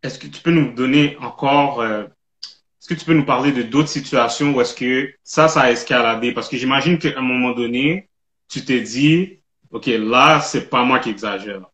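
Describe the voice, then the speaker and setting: A man's voice: mid-range voice, normal speed, fairly bright tone. A man with a Quebec French accent, co-hosting and asking careful, tactful questions. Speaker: co-host. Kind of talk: casual interview questions. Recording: echoey, dull online live audio.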